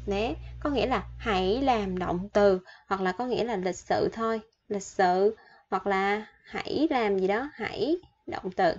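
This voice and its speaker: A woman's voice: medium pitch, a little mellow. A Vietnamese-speaking woman teaching Korean vocabulary and grammar, patiently repeating each word and asking her viewers questions. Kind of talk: explaining vocabulary and grammar to learners. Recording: dull lo-fi sound.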